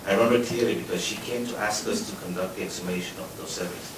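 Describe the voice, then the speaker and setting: A man's voice: low voice, very fast. A man who grew up in New York after leaving Guatemala, speaking earnestly and off the cuff as a panelist at a public discussion. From Guatemala, raised in New York. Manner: earnest, loose and spontaneous. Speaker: forensic anthropologist panelist. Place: lecture hall. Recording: roomy hall, distant mic, noisy.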